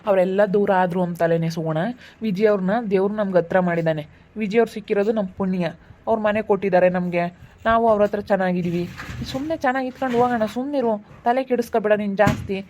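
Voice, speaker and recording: Amateur drama role: woman playing a quick, reassuring sister-in-law, dull lo-fi recording. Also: medium pitch, darkish tone, slight background noise, natural voice.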